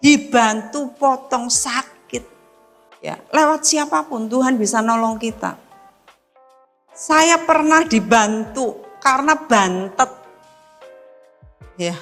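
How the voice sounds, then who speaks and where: A woman pastor delivers a sermon in a high, clear voice at an unhurried pace. She tells a personal story, stressing words loudly and then dropping to hushed asides, with Javanese phrases slipped in. Faint music sits underneath. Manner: emphatic, swinging between loud stresses and hushed asides.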